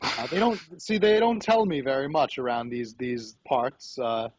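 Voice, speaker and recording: A man's voice: mid-range voice, close to an everyday voice. Pompous goblin chief for a tabletop game, male, scheming, voiced by a man, formal courtly phrasing, dull lo-fi podcast sound. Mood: evasive. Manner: formal, drawn-out courtly speech. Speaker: dungeon master.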